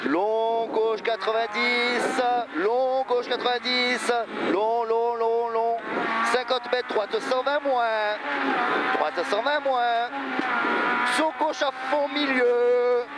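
A man's voice: very high-pitched, steady tone, slow pace. A man reading rally pace notes in clipped, urgent calls from inside a racing car, speaking over an intercom. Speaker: rally co-driver. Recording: loud engine noise over intercom. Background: loud engine and tire noise.

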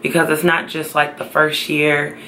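A tired young woman talking slowly and tearfully to camera in a personal vlog, trying to stay upbeat. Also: sits low, completely flat delivery, pushed and bright, slight background noise. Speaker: pregnancy vlogger.

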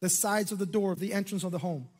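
High-voiced Irish pastor preaching. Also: male voice, husky. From Ireland. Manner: animated and gesturing, dramatic slow emphasis on key words. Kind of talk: sermon. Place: large church stage. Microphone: headset mic. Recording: long hall reverb.

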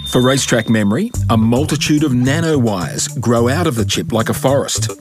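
A man presenting and narrating a science documentary segment in a lively, scripted style. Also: medium pitch, moderate pace. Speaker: science reporter. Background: music.

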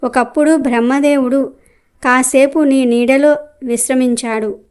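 A mighty male wind god threatens with cold scorn in a storybook tale, as a woman puts him on. The tone is smooth and clear, pitched on the higher side. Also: fairly even intonation, a little slow, a little mellow. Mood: threatening.

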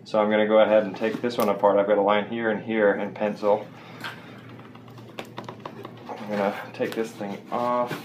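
Young guy doing a diy how-to, lowish flat voice, um-ing and correcting himself, camera mic with faint hiss. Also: normal speed, long pauses. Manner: plain, step-by-step explaining with fillers and self-corrections. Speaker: DIY instructor. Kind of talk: casual how-to demonstration. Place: unfinished basement bathroom, indoors. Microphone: camera mic, filming handheld and close.

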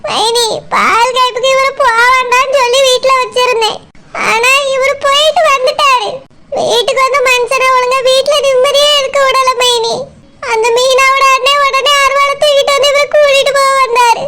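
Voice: extremely high pitch, steady tone, moderate pace. A performer voicing a grieving middle-aged village woman with a Tirunelveli Tamil accent, who tearfully pleads with her sister-in-law. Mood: tearful pleading. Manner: tearful, pleading, keeps saying "maini". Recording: loud background noise.

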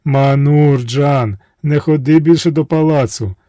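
A man's voice: fairly high pitch, animated, moderate pace, warm tone, no room sound, clean studio sound, pitched above the performer's own voice. A man voicing a worried old mother who pleads with her son. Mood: anxious. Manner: anxious, imploring. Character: worried old mother, woman, fearful and loving.

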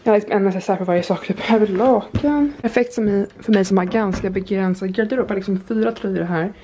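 A woman's voice: medium pitch, warm tone, a little hiss or hum. A young woman vlogging casually, chatty and teasing as she talks to her family. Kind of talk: casual vlog chat.

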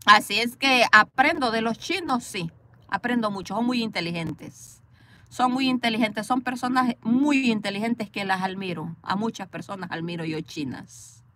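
Her voice is mid-range with a sharp tone at a normal speed. This woman from El Salvador, speaking with a Salvadoran accent, hosts a livestream from a parked car on her phone, reading comments, laughing a lot and playfully answering viewers in a relaxed chat.

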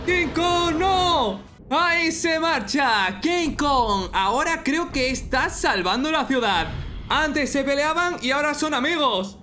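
A young man with a strikingly high voice and an accent from Spain reacts on camera as an excitable anime fan. His commentary is exclamatory and comes at an unhurried pace, with prominent music playing behind him. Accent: Spanish from Spain. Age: young adult. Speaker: reaction video host.

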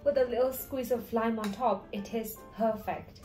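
This chatty lifestyle vlogger from Burma, a woman in her 20s, has a high, mellow voice with a steady tone and normal speed. She chats informally to camera, calling viewers "guys," from a small flat room indoors while background music plays underneath.

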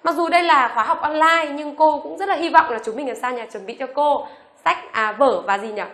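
A woman teaching an online beginners' lesson, asking the class questions and reading each letter slowly for them to repeat. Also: high voice, a bit bright, reverberant. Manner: asks the class rhetorical questions; reads letters aloud slowly for repetition. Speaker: English teacher.

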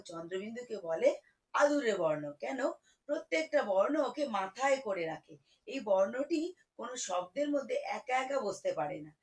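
A woman teaching children to read, spelling words out slowly syllable by syllable. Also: medium pitch, rough recording. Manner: slow, syllable-by-syllable spelling, warm teacherly coaxing. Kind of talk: children's reading lesson.

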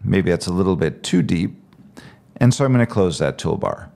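A man calmly talking step by step through a screen-recorded software tutorial. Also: low voice, moderate pace, gravelly. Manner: calm step-by-step explaining. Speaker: tech tutorial presenter.

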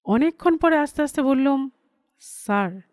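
A woman reading a first-person story aloud, in a measured, conversational storytelling manner. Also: high-pitched, darkish tone, no echo, clean studio sound. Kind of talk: scripted literary narration.

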